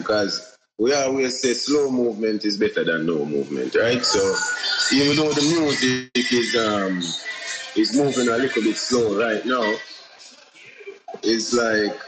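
A man's voice: medium pitch, rough recording. A man from Jamaica with a Jamaican accent, a singer talking casually in an interview, rambling with lots of "you know"s. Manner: laid-back, rambling, many "you know"s.

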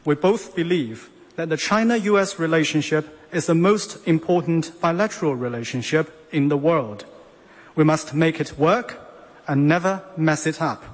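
A man's voice: fairly high pitch, normal speed. Man interpreting a speech in translation. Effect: interpreter's translation voice-over. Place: banquet hall. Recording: long reverb from a large hall.

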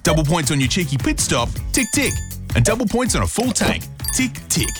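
A man's voice: a little high, sing-song, a little fast, music in the background. An Australian man reading an upbeat scripted retail advert as a voice-over.

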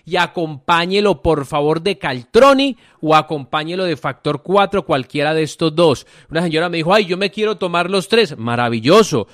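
A Colombian natural medicine doctor gives health advice on the radio, chatting with listeners in a folksy, colloquial way and addressing them directly with diminutives. His voice is fairly high, animated and fairly bright, at normal speed with few pauses, in a dry, studio-quality recording.

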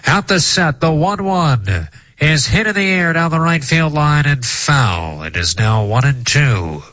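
A man doing a dramatic old-time radio baseball announcer, his voice pushed well above his usual low register and stretched out theatrically. It sounds dry and close, with no room around it. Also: big pitch swings, unhurried, fairly bright tone, dry recording. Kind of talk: mock play-by-play commentary.

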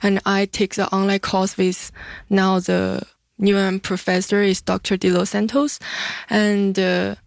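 A woman's voice: mid-range voice, little pitch movement, unhurried, creaky, dry recording, studio quality. A woman from China with a Chinese accent, a graduate string student speaking simple, careful English.

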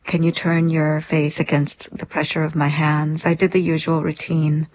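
Husky-voiced woman telling her story. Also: sits low, level tone, normal speed. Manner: earnest, reflective storytelling. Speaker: interview guest. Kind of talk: personal story in an interview. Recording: lo-fi dull sound.

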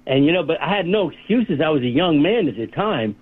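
An elderly man in his eighties phones in to a radio talk show, chatting away and laughing at his own stories. His voice sits on the high side, with a sing-song lilt, a slightly quick pace, and a breathy edge, heard over a phone line.

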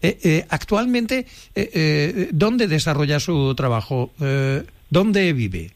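A man from Spain hosting a local radio show, interviewing a guest and talking between segments, halting with many fillers. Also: on the high side, very animated. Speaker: radio host.

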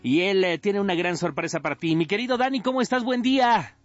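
Male radio host, high voice, upbeat event rundown, dull lo-fi sound. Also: dry recording, faint music behind. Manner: upbeat and quick, announcing events. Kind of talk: lively radio show chat.

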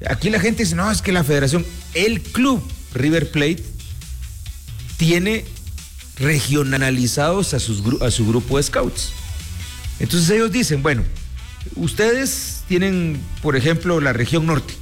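A man from Guatemala, a sports show host, telling a story in a measured, casual way with many restarts. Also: a little high, expressive, faint music behind. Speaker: sports commentator. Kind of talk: casual talk show chat.

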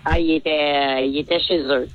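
A man's voice: fairly high pitch, fairly even intonation. Guy calling in with a voice changer on, kinda hesitant, talks in bits. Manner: hesitant, halting confessions. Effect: voice modifier. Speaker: caller. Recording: heard over a phone line.

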